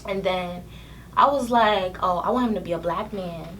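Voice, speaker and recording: A woman's voice: on the low side, normal speed. A young woman, a podcast guest telling stories in slangy, laughing casual chat. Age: young adult. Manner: animated storytelling full of slang and laughter. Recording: distant mic with faint room noise.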